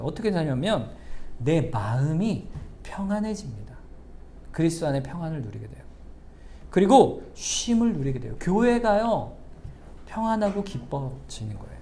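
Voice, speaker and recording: Delivering a sermon, a middle-aged pastor addresses the congregation directly. His voice sits high, and he moves between booming emphatic statements and quiet asides.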